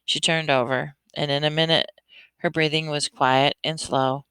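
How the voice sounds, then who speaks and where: A woman reading a children's novel aloud in a steady manner, now and then correcting herself. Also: low voice, moderate pace, clean tone, dry recording, poor audio. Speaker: reader.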